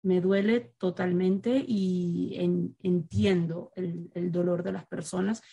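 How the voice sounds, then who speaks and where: Woman host from Venezuela, emphatic questions, mellow tone. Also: lowish voice, steady tone, takes it slowly, gravelly, breathy edge. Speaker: interviewer. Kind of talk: conversational interview.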